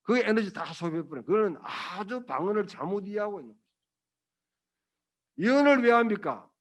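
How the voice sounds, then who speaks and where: A man's voice: high voice, very animated, moderate pace. A male pastor preaching a Sunday sermon, emphatic and colloquial, with blunt asides and rhetorical questions to the congregation.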